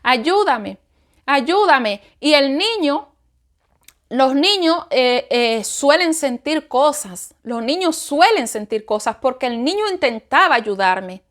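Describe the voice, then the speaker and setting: A woman's voice: high-pitched, expressive, takes it slowly, a bit bright. A woman giving an emotional personal spiritual testimony, often repeating herself and acting out her own cries for help. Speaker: testimony speaker.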